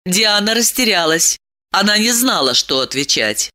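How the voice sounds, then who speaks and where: Woman audiobook narrator, dramatic, lively pitch. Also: moderate pace.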